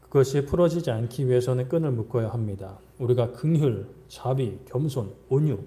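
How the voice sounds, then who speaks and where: Male pastor, warm low-toned voice, conversational preaching, dramatizes prayers. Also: moderate pace. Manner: frequent fillers and restarts, occasional chuckles. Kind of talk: sermon.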